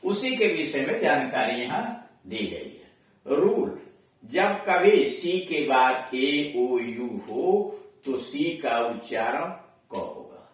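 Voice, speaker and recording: A man with a Hindi accent, teaching English pronunciation slowly in a classroom lesson, repeating each word as he explains it. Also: mid-range voice, big pitch swings. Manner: slow, explanatory, repeats words for drilling. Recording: echoey room, voice far from mic.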